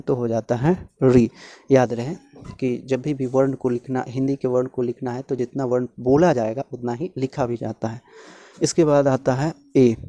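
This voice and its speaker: Man teaching slowly, mellow dry voice. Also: medium pitch, dry recording. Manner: slow, repetitive, spelling sounds out one by one. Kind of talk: explanatory lesson.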